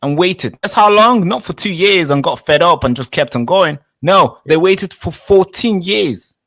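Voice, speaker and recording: A man's voice: high voice, expressive, measured pace, a bit bright, no echo. A man in his twenties, born in Tanzania, arguing insistently in a heated street debate and cutting in to hold the floor. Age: 20s. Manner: insistent, interrupts with repeated "wait, wait". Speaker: interviewee.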